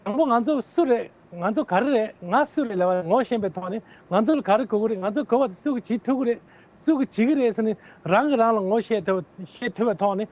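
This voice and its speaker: Brief: male candidate, high-pitched, earnest and explanatory, dull lo-fi sound. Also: normal speed, a little mellow. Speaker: political candidate interviewed as guest. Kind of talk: answering interview questions at length.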